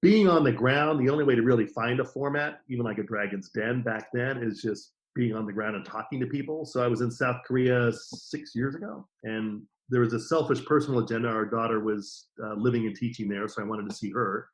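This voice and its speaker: Middle-aged man telling lively anecdotes. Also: mid-range voice, fairly quick, few pauses, poor audio. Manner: lively anecdotes with acted-out quotes. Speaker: podcast guest, TV formats distributor. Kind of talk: casual interview storytelling.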